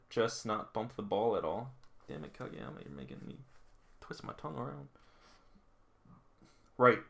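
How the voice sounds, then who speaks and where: In a small room decorated with figurines, a manga read-along host reads the story aloud and comments casually, tripping over words, going back over lines, and laughing at the plot. He has a mid-range, slightly bright voice.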